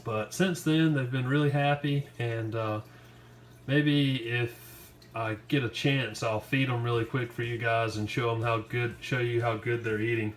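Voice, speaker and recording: A man's voice: mid-range voice, steady tone, a little slow, slight background noise. A man casually narrating a home how-to video, explaining things in an informal, easygoing, unscripted way to viewers. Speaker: home aquarium hobbyist filming a fish-care vlog. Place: at home beside a fish tank and kitchen sink.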